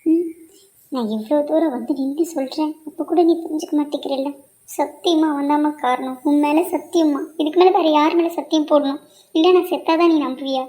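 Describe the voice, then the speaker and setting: A woman doing a distressed, high young daughter. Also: fairly even intonation, fairly quick, dark tone, close to an everyday voice. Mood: desperate. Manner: tearful, pleading, accusing. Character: young woman, distressed daughter swearing she was wronged.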